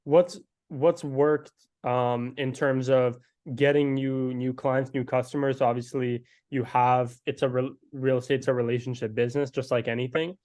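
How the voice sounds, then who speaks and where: A man's voice: medium pitch, level tone, moderate pace, darkish tone, no echo. A man from the Czech Republic hosting a podcast, asking questions with frequent fillers. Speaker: podcast host. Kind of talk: podcast interview.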